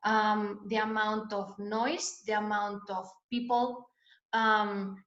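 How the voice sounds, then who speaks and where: A woman's voice: mid-range voice, little pitch movement, slow pace, a bit bright. A woman from Spain with a Spanish accent, a guest educator talking hesitantly with many fillers in an online interview. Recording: echoey, dull lo-fi call audio.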